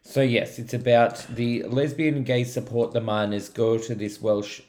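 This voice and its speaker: A man co-hosting a movie review podcast in casual chat, chatty and teasing with quick laughs. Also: medium pitch, level tone, a little mellow. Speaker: podcast co-host.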